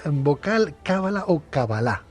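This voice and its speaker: A man hosting a talk show, reading a formal introduction and then interviewing his guest in a measured way. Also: on the high side, big pitch swings, darkish tone. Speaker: radio show host.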